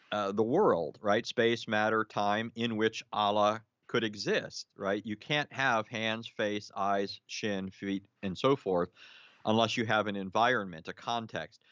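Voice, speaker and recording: A man's voice: on the low side, fairly bright tone, dry recording, dull audio. A man explaining at length on a live online show, lecturing with many fillers, restarts and a questioning "right?".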